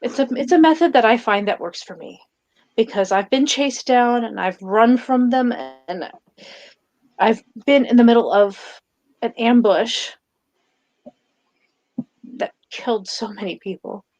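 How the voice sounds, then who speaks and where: High-voiced woman playing a tabletop character. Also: lively intonation, a little mellow, dry recording, muffled recording. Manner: halting, many restarts and fillers, switching between narrating and speaking in character. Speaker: player in a tabletop role-play. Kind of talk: in-character tabletop role-play chat.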